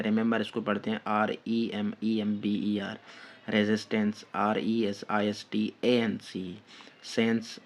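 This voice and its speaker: A man with a Pakistani Urdu accent giving a spelling lesson, dictating words letter by letter and repeating "theek hai" often. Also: on the low side. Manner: slow, repetitive dictation with frequent "theek hai" fillers. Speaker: test-prep teacher.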